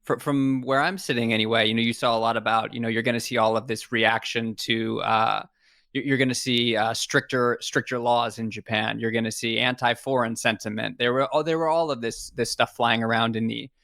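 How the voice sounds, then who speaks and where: A man's voice: medium pitch, fairly even intonation, a little fast, gravelly, fairly bright tone, no echo, studio quality. A man hosting a podcast, chatty and storytelling, often hesitating and restarting his phrases. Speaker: podcast host. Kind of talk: podcast conversation.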